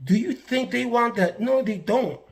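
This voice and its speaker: A man's voice: extremely high pitch, animated, measured pace, creaky. A man from the Bronx, ranting to camera in a casual, emphatic way, with many restarts and fillers. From the Bronx, New York. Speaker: vlogger. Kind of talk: casual political rant to camera.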